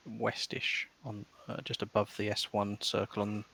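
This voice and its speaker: A man with a low voice in a flight sim chat. He speaks in a completely flat monotone, dry and matter-of-fact. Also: normal speed, creaky, slightly rough. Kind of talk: casual chat and radio calls.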